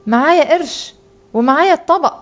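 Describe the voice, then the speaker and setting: A woman's voice: sits high, expressive, quick pace, soft background music, voice pushed up. A woman reader voicing an eager, stubborn young boy who asks and insists, in a dull lo-fi recording. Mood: insistent.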